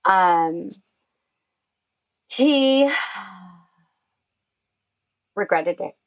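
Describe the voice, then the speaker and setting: A woman's voice: medium pitch, lively intonation, drawn-out words, rough recording. A woman guest telling her own story in a casual interview, with an emotional delivery and many fillers. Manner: emotional, uses "like" often.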